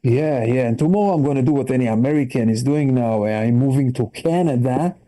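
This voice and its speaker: A man with an Israeli accent doing a stand-up set over a video call, animated, in broken English phrasing, with punchlines that leap up in pitch. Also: a little fast. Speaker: stand-up comedian.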